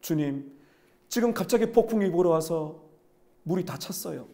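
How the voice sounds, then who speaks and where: A pastor voicing panicked disciples begging for rescue. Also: male voice, a little high, lively intonation, normal speed, warm tone. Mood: panicked pleading. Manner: urgent, pleading. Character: panicked disciples pleading in a storm.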